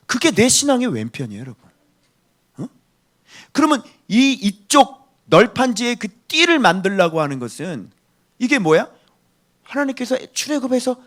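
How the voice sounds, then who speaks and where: A middle-aged male pastor preaching a sermon, emphatic, swinging between loud outbursts and hushed asides. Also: high voice.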